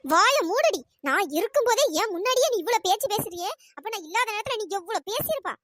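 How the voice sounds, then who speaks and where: A performer voicing a domineering older mother-in-law who shouts and berates her daughter-in-law in a cartoon. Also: extremely high pitch, lively intonation, fast, no echo. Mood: scolding. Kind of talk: cartoon voice acting.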